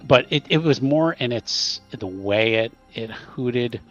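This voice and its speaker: A man narrating as game master for a tabletop game, halting, with many ums and restarts. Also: medium pitch, expressive, fairly bright tone, dull audio, soft background music.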